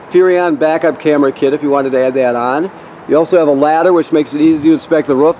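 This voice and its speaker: Mellow-voiced man giving an informal walkthrough. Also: a little high, slight background noise. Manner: plainspoken, instructional, often checks in with "okay". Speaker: RV walkthrough technician. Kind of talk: informal product walkthrough, explaining features. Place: in and around a travel trailer.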